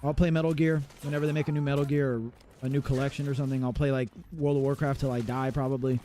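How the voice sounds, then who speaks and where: Speaking fast in a flat, mellow, mid-range voice, a man in his thirties livestreams a game, chatting casually, cursing and rambling as he plays. There's slight background noise.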